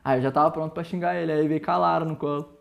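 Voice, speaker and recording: A man's voice: on the high side, fairly even intonation, gravelly, muffled recording. A man with a Brazilian Portuguese accent, co-hosting a podcast in casual chat and telling stories full of slang and jokes. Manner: slangy storyteller, quick and joking. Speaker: podcast co-host.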